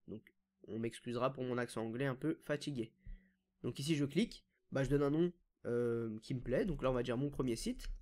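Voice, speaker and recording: A man hosting a screen-recorded software tutorial, explaining each step casually with frequent fillers. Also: mid-range voice. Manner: casual, step-by-step, many "donc" and "euh" fillers. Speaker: WordPress consultant and YouTube tutorial host.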